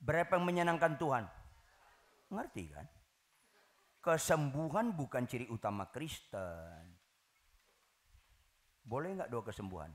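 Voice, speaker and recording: A male pastor preaching a sermon to a congregation in a lively, teasing way, often shouting the punchlines. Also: mid-range voice, unhurried, pauses often. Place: church hall.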